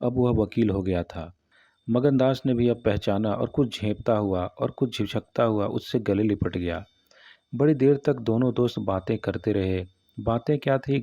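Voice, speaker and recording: Guy reading an old short story, steady and calm, low voice, dry muffled recording. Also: no echo. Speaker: narrator. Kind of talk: storybook narration of a classic tale. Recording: dull, muffled audio.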